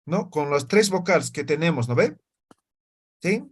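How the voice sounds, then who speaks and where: A man's voice: a little high, lively intonation, unhurried, a little hiss or hum. A man teaching a language class, explaining step by step and checking often that students follow. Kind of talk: classroom lesson.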